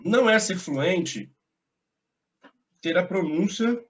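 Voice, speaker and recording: A man's voice: high voice, lively intonation, slow pace. A young man from Brazil giving a casual video lesson as an English teacher, chatty and reassuring, with slang and frequent tag questions.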